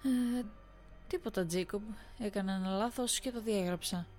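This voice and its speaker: A woman's voice: mid-range voice, darkish tone, soft background music, lightly acted. A woman voicing an evasive, secretive man in a horror story, speaking in a clipped, guarded way. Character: evasive male librarian coworker, tense and secretive.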